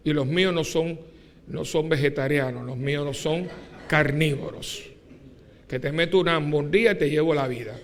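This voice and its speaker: Animated, joking priest preaching. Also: male voice, a little high, brisk. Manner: animated, joking, full of rhetorical questions. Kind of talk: sermon. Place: church during mass.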